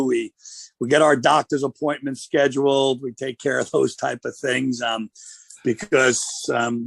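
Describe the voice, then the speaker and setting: Male football coach as a radio guest; gravelly, steady, measured delivery, dry close sound. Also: medium pitch, dry recording.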